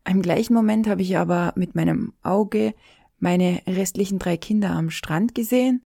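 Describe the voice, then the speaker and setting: A woman's voice: lowish voice, moderate pace, gravelly, warm tone, no room sound, clean studio sound. A middle-aged woman with an Austrian accent, telling an emotional personal account in an intimate voice that often sinks to a whisper. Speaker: storyteller.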